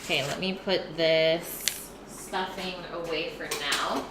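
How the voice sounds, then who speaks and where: A woman with a deep, fairly level voice speaks slowly while hosting a relaxed cooking livestream from her own kitchen, chatting with viewers and answering their messages as she cooks. The kitchen sounds echoey and there's background noise.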